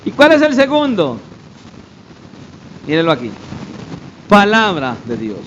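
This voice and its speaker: A man's voice: sits high, huge pitch swings, a little slow, a bit bright, highs cut off, slight background noise. A man pastor preaching a sermon, emphatic, throwing rhetorical questions at the congregation.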